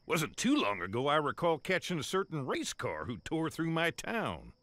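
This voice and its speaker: A man voicing a stern older small-town sheriff car in an animated game, scolding with folksy authority. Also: fairly high pitch, moderate pace, no echo. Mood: indignant. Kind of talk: animated game cutscene acting.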